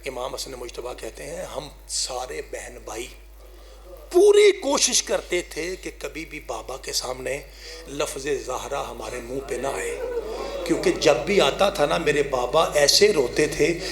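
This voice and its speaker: A man, a zakir giving an emotional mourning recitation, rising to loud high cries and sinking to hushed near-whispers while urging the audience on. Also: big pitch swings, over music. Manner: addresses the audience directly, urging them to weep.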